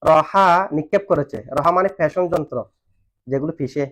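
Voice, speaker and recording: A man's voice: a little high, fairly quick, fairly bright tone. A man teaching a grammar lesson, asking questions and waiting for students to answer. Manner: asks questions and has students answer back. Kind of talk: classroom lesson on Arabic grammar. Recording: dull lo-fi recording.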